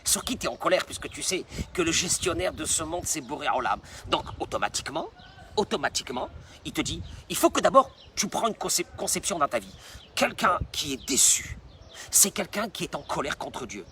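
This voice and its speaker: A man's voice: fairly high pitch, big pitch swings, a little fast, sharp tone, slight background noise. A man, a rabbi, preaching a sermon in an emphatic way, repeating phrases for stress.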